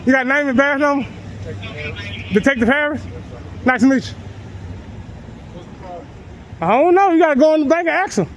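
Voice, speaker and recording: A man's voice: very high-pitched, normal speed, long pauses, fairly bright tone, poor audio. A man filming police on a public sidewalk, taunting and mocking them in confrontational street talk, laughing often, picked up by the handheld camera he films with.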